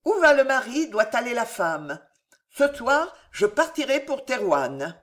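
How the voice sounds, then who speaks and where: A man's voice: extremely high pitch, sing-song, a little slow, fairly bright tone, pitched above the performer's own voice, exaggerated voice. A man reading aloud and voicing a grieving but proud young noblewoman in a storybook tale. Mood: resolute. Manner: pleading, then resolute and scornful.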